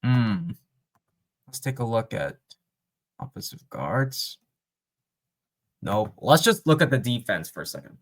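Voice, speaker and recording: A man hosting a sports fan vlog, thinking aloud in casual, unscripted commentary with pauses and fillers. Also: medium pitch, very animated. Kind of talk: casual mock draft commentary.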